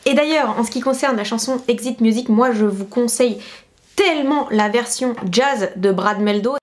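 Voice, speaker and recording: A chatty woman with a slightly high voice hosts her own music vlog. She is a classical pianist who explains things in an emphatic, casual way and pauses often on small hesitations. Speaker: classical pianist and video host.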